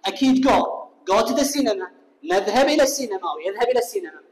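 A man with an Iraqi Arabic accent, an English teacher explaining a lesson step by step and firing quick questions at his students. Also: high voice, lively intonation, darkish tone. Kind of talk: classroom explanation. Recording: echoey room with long reverb.

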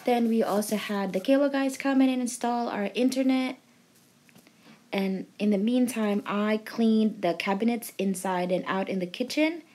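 A woman's voice: a little high, normal speed, darkish tone. A young adult woman vlogger giving a cheerful, chatty voice-over for a home video, with frequent ums and uhs.

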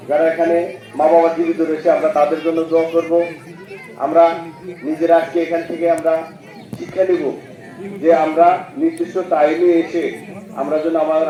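A man addressing a prayer congregation on an open ground, halting often with drawn-out "ah" fillers. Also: a little high. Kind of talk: public address over a loudspeaker. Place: outdoor Eid prayer ground. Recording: echoey open-air loudspeaker sound, from far off.

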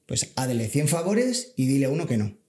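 A man's voice: mid-range voice, big pitch swings, moderate pace, mellow, reverberant. A man, a civil guard officer talking earnestly in a casual podcast, backing his points with everyday examples.

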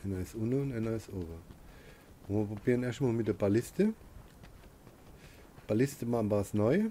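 A man's voice: on the low side, animated, normal speed, mellow. An older man commenting on his video game play, muttering to himself and often swearing and exclaiming. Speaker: gamer. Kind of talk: live gameplay commentary. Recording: noisy home recording.

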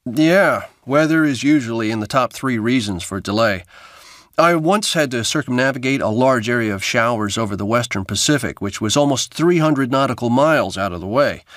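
A man speaking as an airline pilot, giving measured, explanatory answers in an interview. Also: mid-range voice, expressive, a bit bright, no echo, studio quality.

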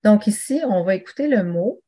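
A woman's voice: medium pitch, expressive, moderate pace, mellow, husky. A woman presenting an online teaching webinar, chatty and full of fillers and restarts. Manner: conversational, with many fillers and restarts.

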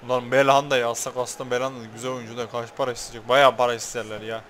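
A man talking through his own football video game at an ordinary middle pitch. He mutters while picking his team, then berates his players and the referee and curses when things go wrong. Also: level tone, quick pace, a bit bright, slight background noise. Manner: talks to the players on screen, swears, gets heated over fouls. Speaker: gaming YouTuber.

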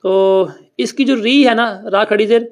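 A patient recitation teacher leads a classroom lesson in a middle-pitched voice. The teacher explains each rule step by step in a plain, conversational way. Students are kept busy answering and repeating the teacher's questions back. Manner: patient, quizzes students and has them repeat. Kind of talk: classroom lesson with call-and-response.

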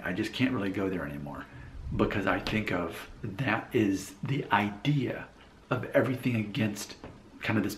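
Man, 40s, low-ish voice, rambling casual vlogger, roomy home echo. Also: a little hiss or hum. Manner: chatty, rambling, with restarts and asides. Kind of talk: casual talking-head vlog. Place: bright room at home, indoors.

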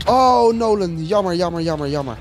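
A man reacts to game action in casual, exclamatory commentary. His pitch swings widely, with faint music in the background. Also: expressive, normal speed.

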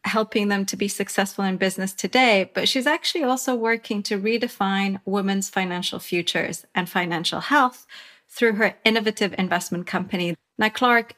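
A woman's voice: mid-range voice, a bit bright. A woman co-hosting a leadership podcast, introducing the show and asking interview questions in an earnest, enthusiastic way. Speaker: podcast co-host.

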